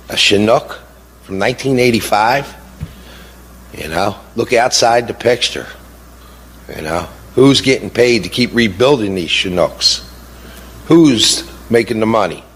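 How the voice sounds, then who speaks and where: A man's voice: mid-range voice, a bit bright. A middle-aged man speaks in a mid-range voice as he gives impassioned testimony. He is blunt and indignant. He repeats key words and fires off rhetorical questions. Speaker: interviewee, bereaved father.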